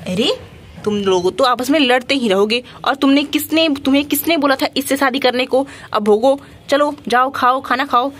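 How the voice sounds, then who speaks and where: A woman narrating a toy play story as a caring big sister, talking in an animated, exclamatory way. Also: high-pitched, moderate pace.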